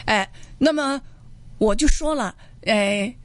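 A woman teaching Mandarin, a guest in an interview, telling stories in a cheerful, animated way and laughing often. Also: on the high side, slow pace. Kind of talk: casual storytelling in an interview.

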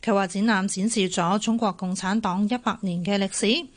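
A woman's voice: mid-range voice, fairly even intonation, normal speed. A woman with a Hong Kong Cantonese accent reading a scripted report as a radio news reporter.

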